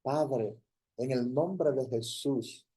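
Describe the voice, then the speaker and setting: A male pastor leading an opening prayer in a church service, in a slow, solemn manner with repeated praise phrases. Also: mid-range voice, warm tone, husky. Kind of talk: sermon prayer.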